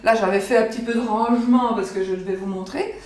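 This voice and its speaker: A psychic vlogger presents oracle cards to her viewers in her kitchen, talking quickly and casually, repeating herself and filling pauses. Her voice sits on the high side, steady and somewhat dark in tone. The room echoes, and she is picked up from a distance.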